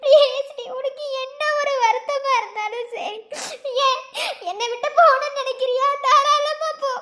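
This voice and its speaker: A woman plays a desperate young cartoon character who begs again and again for a younger sister. The voice is very high and full of emotion. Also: a little fast. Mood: pleading. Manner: pleading, emotional. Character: desperate young adult sibling begging for a sister. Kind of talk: cartoon voice acting.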